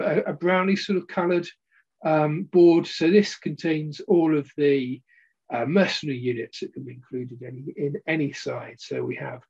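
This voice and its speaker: A middle-aged man presenting an unboxing video, talking through components off the cuff in a hesitant, halting way and often rephrasing himself. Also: a little high, darkish tone, breathy edge, dull audio. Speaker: presenter of a board game unboxing. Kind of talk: unboxing video commentary, unscripted walkthrough of components. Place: indoor hobby room at a table.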